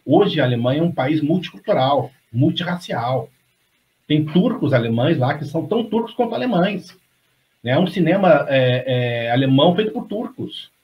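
A man's voice: fairly high pitch, animated, moderate pace. A middle-aged Brazilian man, a novelist, talking on a video call in a rambling way, full of restarts and tag questions. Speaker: guest novelist. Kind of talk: casual discussion on video call. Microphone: webcam on video call. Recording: slightly dull lo-fi sound.

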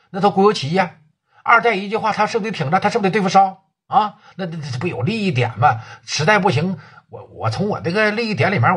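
A man's voice: a little high, fairly bright tone, husky. A man voicing a nervous, evasive businessman who stammers and pleads.

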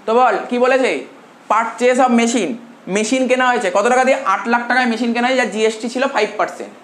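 Male commerce tutor from India, classroom lecture: slow repeated dictation and questions to the class, recorded in an echoey room with faint background hum. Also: very high-pitched, steady tone, a bit bright. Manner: dictates slowly and repeats phrases, quizzing students.

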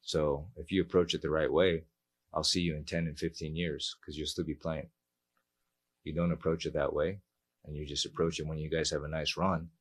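A man in his forties, a football coach speaking at a post-match press conference into a table mic, measured and reflective with many fillers. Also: very deep voice, level tone, slightly rough. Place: press room.

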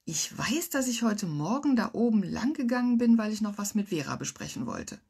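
A woman's voice: medium pitch, sing-song, moderate pace, creaky, a little mellow, slightly rough, exaggerated voice. Woman doing a courteous elderly professor. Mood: recalling. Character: polite elderly man, pool regular called Professor.

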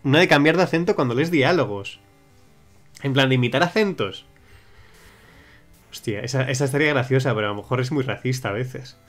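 A man's voice: medium pitch, a little fast, pauses often, soft background music. Chatty young man streaming. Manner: chatty, rambling, with frequent restarts and swearing. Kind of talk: casual livestream chat reading viewer suggestions.

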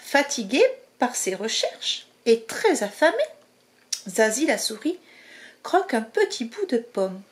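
A woman reading a picture book aloud to children, slow and expressive, talking to her young listeners. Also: on the high side. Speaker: storyteller.

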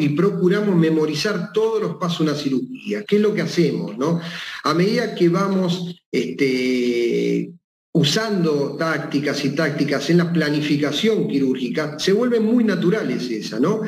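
A man's voice: fairly high pitch, darkish tone. A man giving a medical talk, often closing his points with a short questioning tag, recorded in a roomy space. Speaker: speaker, surgeon. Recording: echoey room with faint noise.

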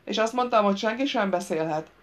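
Woman narrator as a hard male thief, loud, raised threatening orders. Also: mid-range voice, lightly acted. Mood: threatening shout. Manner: shouted commands, threatening.

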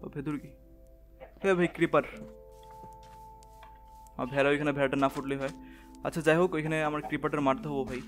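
A young man, quietly commentating his gameplay in a soft, hushed voice late at night. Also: a little high, steady tone, fairly quick, pauses often, music in the background. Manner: talks softly and quietly, late-night hush. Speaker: gamer channel host.

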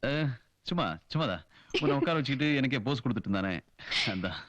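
A man's voice: medium pitch, lively intonation, fast talker, dry recording, muffled recording, lightly acted. An actor playing a shy, hesitant young working-class man who stammers, in a film scene. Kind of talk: film dialogue.

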